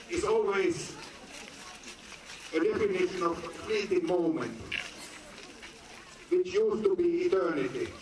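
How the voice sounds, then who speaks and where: A man from Finland with a Finnish accent giving an earnest, declamatory speech to an audience at a film screening, in short phrases with pauses. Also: sits high, background noise. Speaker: guest speaker at a film screening. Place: large indoor venue. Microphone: phone recording from the audience. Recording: echoey hall, from far off.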